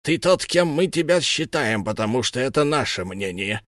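A man's voice: medium pitch, expressive, normal speed, fairly bright tone, no room sound, clean studio sound, pitched above the performer's own voice, close to an everyday voice. A man voicing a domineering, heavy-jawed alien official who barks his lines, in an audiobook. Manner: barking orders. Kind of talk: audiobook character voice.

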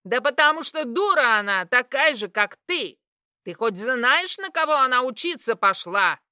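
A woman reading an audiobook, voicing a domineering, cruel mother who shouts scornfully and slowly. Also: medium pitch, very animated, no room sound, clean studio sound, heavily acted. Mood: shouting. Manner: shouting, scornful, slow and heavy.

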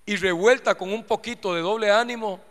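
In a reverberant church sanctuary, a Costa Rican pastor delivers a fervent live sermon in his native accent, frequently addressing the listeners directly. His voice sits high, fairly quick and fairly bright.

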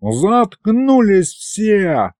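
A man voicing a cheeky, brash young henchman who giggles and shouts. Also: a little high, very animated, slow, dry recording, clean studio sound, pitched above the performer's own voice, heavily acted.

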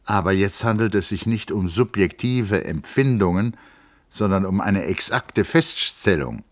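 A man's voice: fairly low pitch, lively intonation, measured pace, pitched above the performer's own voice. A man voicing a stubborn, mildly mocking young engineer who argues precisely and a little sluggishly, in a literary audiobook reading. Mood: insistent, mocking. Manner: precise, argumentative, slightly sluggish.

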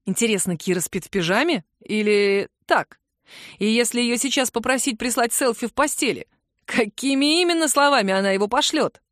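A woman reading a novel aloud in measured, lightly ironic narration into a close microphone. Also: fairly high pitch, lively intonation, a bit bright, no echo. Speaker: audiobook narrator. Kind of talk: scripted narration.

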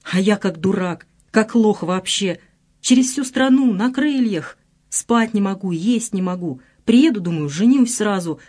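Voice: mid-range voice, animated, unhurried. An audiobook reader voicing a hurt, angry young man back from the army who speaks with bitterness. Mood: aggrieved. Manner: bitter, shouting in pain. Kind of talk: audiobook character voice.

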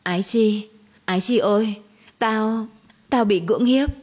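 A heartbroken young woman, played by a woman reading the story, sobbing and pleading in a high, rushed, tearful voice. Her husky, breathy tone cracks with despair. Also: close to an everyday voice.

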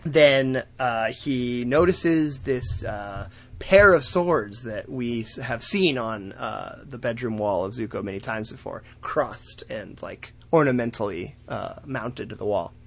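A man casually recapping a cartoon episode, acting out the characters' lines in quick voices and laughing often. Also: mid-range voice. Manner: animated retelling, acts out quotes in quick voices. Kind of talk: casual chat.

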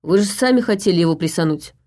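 A woman's voice: fairly low pitch, expressive, fast, dark tone, natural voice. A woman voicing a possessed young man who taunts his captive in a cold, mocking way, in an audiobook. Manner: taunting, menacing.

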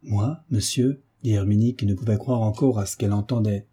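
A man reading a classic novel aloud as an audiobook narrator, measured and even. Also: lowish voice, slightly rough. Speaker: audiobook reader. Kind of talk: scripted narration.

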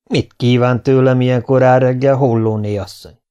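A man voicing a blustering old-time warlord who talks in a booming, pompous, archaic way. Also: fairly even intonation, dark tone, smooth, natural voice. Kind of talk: audiobook character voice.

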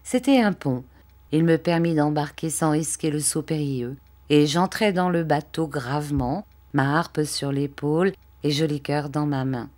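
A woman narrating a literary audiobook, reading in a measured, expressive way. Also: deep voice.

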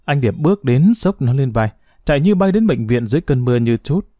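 Male story narrator, warm dark tone, dead-dry studio read. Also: medium pitch, expressive, fairly quick, dry recording. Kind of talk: scripted narration.

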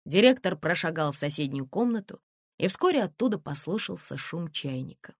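A woman narrating an audiobook in measured storytelling. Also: deep voice, animated, dry recording, studio quality. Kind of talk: scripted narration.

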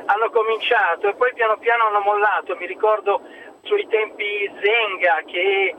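A man's voice: sits high, fairly even intonation, moderate pace. A man calling in over the phone as a food expert, chatting and telling anecdotes. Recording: tinny phone line with faint noise.

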